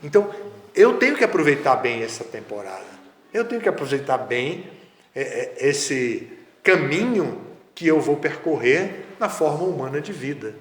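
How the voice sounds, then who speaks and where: A man giving a spiritual lecture in a measured, conversational way with casual asides. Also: on the high side, very animated. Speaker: spiritual teacher. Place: lecture hall. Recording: echoey hall, roomy reverb.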